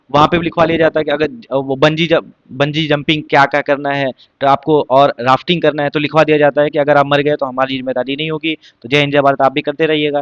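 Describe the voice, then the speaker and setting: A male teacher explains words for exam prep, often repeating himself and asking rhetorical questions. His voice sits a little high, and the recording is dry and somewhat dull. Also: no echo. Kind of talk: exam-prep vocabulary lesson.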